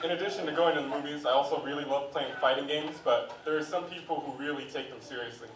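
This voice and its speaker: A young man is doing stand-up on a club stage, with a slightly high voice. He tells his stories in a chatty way and acts out the people in them. The sound is roomy and picked up from a distance, with faint noise behind it. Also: quick pace, some chatter behind. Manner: chatty storytelling with acted quotes. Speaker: stand-up comic. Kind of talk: stand-up comedy set.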